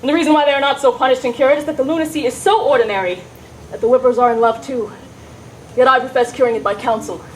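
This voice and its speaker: Woman acting a high-voiced, hammy, saucy disguised youth. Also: fast talker, a little hiss or hum, natural voice, poor audio. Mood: witty, exuberant. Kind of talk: Shakespearean stage comedy acting.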